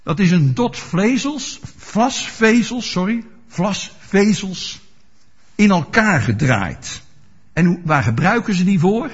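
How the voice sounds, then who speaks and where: A man's voice: high-pitched, big pitch swings, a little slow, slightly rough. A male preacher giving a sermon, asking his listeners rhetorical questions and explaining scripture with everyday examples. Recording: dull lo-fi recording.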